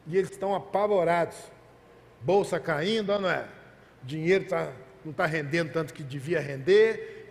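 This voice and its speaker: Man, pastor, sermon, earnest storytelling, rhetorical questions, high voice, long reverb.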